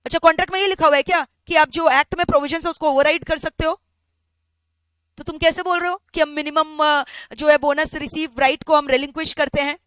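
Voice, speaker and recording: High-pitched lady teacher, acts out little scenes, keeps asking the class if they get it, dry close sound. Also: brisk, dry recording. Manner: animated, acts out both sides of a story, asks "samajh mein aa raha hai?". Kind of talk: classroom law lecture.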